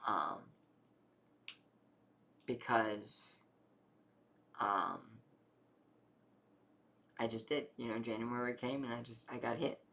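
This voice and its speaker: A man's voice: medium pitch, slow, long pauses, pushed and bright. A young man casually telling his own story in a rambling way, full of fillers and the odd swear word.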